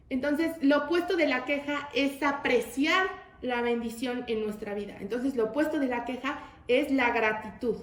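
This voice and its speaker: A high-voiced woman leads a casual, conversational religious study session, calling her listeners brothers. She scatters rhetorical questions throughout her teaching. The room sounds roomy, with a clear echo off the walls.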